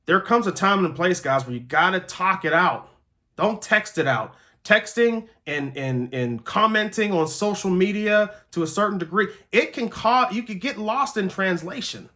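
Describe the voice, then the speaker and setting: Man, motivational pep talk, high-pitched, forceful bright tone, emphatic, earnest, repetitive phrasing. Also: lively intonation, moderate pace. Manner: earnest, emphatic, repeats key phrases, checks in with listeners. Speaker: motivational podcast host.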